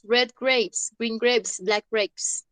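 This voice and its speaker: A young woman, teaching an English vocabulary class online. She goes slowly, says each word twice and checks in with the class. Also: on the high side, fairly even intonation, fairly bright tone, no echo. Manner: slow, repeats each word and asks "¿listo?".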